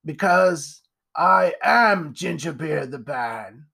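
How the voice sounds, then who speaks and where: A man doing a gruff, gravelly old captain. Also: a little high, animated, takes it slowly, pushed and bright, exaggerated voice. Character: gruff old male pirate captain, scarred and boastful.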